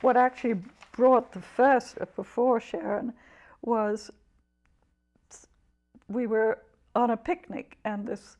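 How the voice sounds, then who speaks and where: A woman in her eighties from England, a poet talking haltingly about her life and reading her own poems in an interview. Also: a little high, steady tone, a little mellow, muffled recording. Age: 80s. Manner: halting, restarts often, vivid when reading. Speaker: poet guest.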